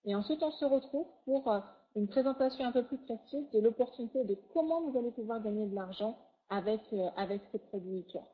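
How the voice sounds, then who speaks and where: A woman's voice: a little high, expressive, a little fast. Enthusiastic woman presenting, tinny phone-like sound. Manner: enthusiastic, heavy on superlatives. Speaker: product presenter. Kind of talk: sales presentation over slides.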